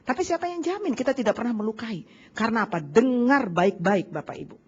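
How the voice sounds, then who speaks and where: A woman preaching a sermon to a congregation, animated and asking them questions. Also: a little high, a little fast, breathy edge, highs cut off. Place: church service.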